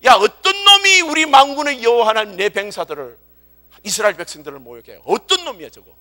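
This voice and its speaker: An outraged young shepherd demands to know who dares insult his people, as a preacher acts him out. The voice is bright and animated, bold and fearless. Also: very high-pitched, quick pace, full character voice. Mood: indignant. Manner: indignant, outraged.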